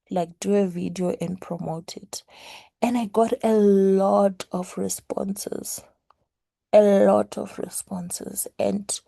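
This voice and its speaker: A woman leads a motivational class in a slow, earnest way and drives her points home by repeating them. Her voice is hoarse, low-toned and gravelly, with a warm, mellow colour. The recording is dry and close, with no room sound. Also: dry recording. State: hoarse morning voice. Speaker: network marketing leader teaching a class. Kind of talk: motivational teaching talk.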